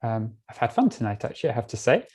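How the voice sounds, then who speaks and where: A British man speaks at a middle pitch with a mellow, dark tone, guiding listeners through a live online art tour. He talks in a relaxed way, pausing often with small fillers as he explains each piece. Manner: relaxed, frequent filler pauses. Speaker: tour guide.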